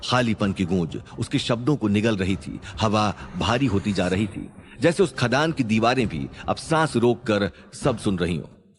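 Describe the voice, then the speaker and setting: A man's voice: fairly low pitch, expressive, moderate pace, slight background noise. A man narrating a suspense story in a scripted, dramatic storytelling manner.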